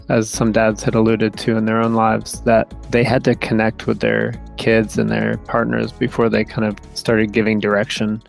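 A man co-hosting a podcast, speaking thoughtfully and hesitantly, with halting restarts as he reflects. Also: lowish voice, vocal fry. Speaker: podcast co-host. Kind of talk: casual reflective podcast talk.

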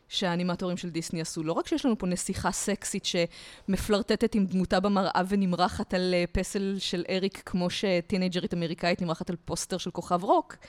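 Animated woman lecturing on a podcast. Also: fairly low pitch, no echo. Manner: animated and talkative, explaining from memory. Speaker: guest lecturer on culture history. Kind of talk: podcast interview.

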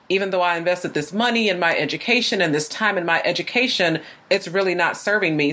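A woman's voice: fairly low pitch, a bit bright. A woman hosting a podcast interview, affirming her guest and asking long questions with fillers like um and you know. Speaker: podcast host.

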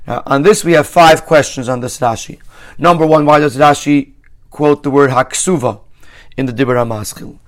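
A man's voice: mid-range voice, moderate pace. A man teaching a Torah commentary lesson, laying out numbered questions methodically and often restarting his phrases as he works through the text.

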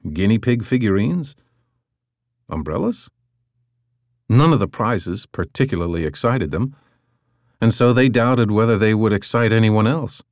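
A male audiobook narrator telling the story in a lowish voice with lively, varied intonation. The sound is close and dry, with no room around it. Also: unhurried, pauses often, dry recording. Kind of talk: scripted narration.

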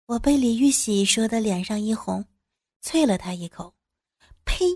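Woman narrating a racy audio story, high voice. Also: moderate pace, darkish tone, breathy edge, no room sound, studio quality. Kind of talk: first-person adult audio story narration.

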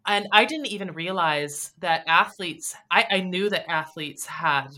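A woman's voice: lowish voice, expressive, measured pace, bright, forceful tone. A woman hosting a podcast interview, enthusiastic and emotional, laughing often. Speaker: podcast host.

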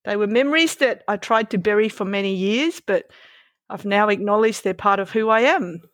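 Speaking with a medium pitch and at a moderate pace, a woman in her fifties shares her story as an interview guest in a casual, candid and self-deprecating way. Born in Malaysia, she moved to Australia around twelve and speaks with an Australian accent. There is no room sound.

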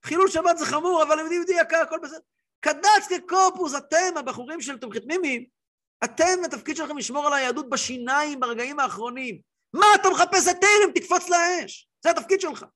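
Give me a man playing a stern old rabbi, loud and fierce. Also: very high-pitched, pitched above the performer's own voice. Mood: fervent. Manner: shouting, heated.

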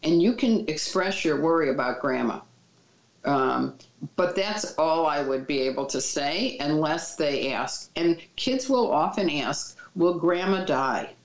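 A woman answering interview questions as a child mental health expert, giving calm, reassuring advice. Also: low voice, unhurried. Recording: dull, echoey room sound.

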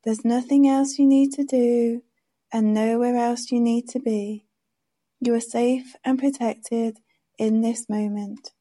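A woman leading a guided meditation with gentle, soothing, unhurried instructions. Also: fairly high pitch, fairly even intonation.

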